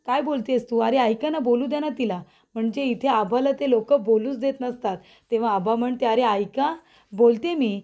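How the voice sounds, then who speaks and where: Woman narrating a serial recap, mellow. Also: fairly high pitch. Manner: reads all the characters' lines in her own voice, addressing viewers. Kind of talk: scripted narration retelling a TV serial episode.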